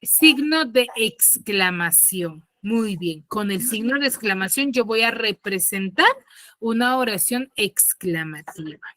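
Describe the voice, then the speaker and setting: With a slow, expressive delivery and a sharp tone, a medium-pitched woman leads an online grammar lesson by video call, and the recording has no room sound. She stays patient, checking in with her pupils often after each point.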